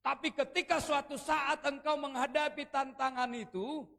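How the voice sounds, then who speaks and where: High-voiced male preacher. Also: normal speed, gravelly. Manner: animated, joking, leads the congregation in repeating phrases. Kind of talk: sermon. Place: church worship service.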